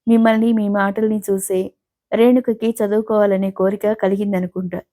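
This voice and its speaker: A woman voicing a gentle, affectionate young woman who speaks sympathetically in a storybook reading. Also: mid-range voice, flat delivery, moderate pace, close to an everyday voice.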